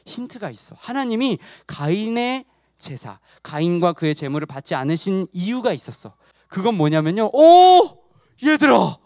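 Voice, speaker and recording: Man preaching to kids, super high voice that bounces all over, keeps asking them stuff. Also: moderate pace, no room sound, studio quality. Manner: animated, asks children questions. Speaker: junior pastor. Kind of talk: children's sermon.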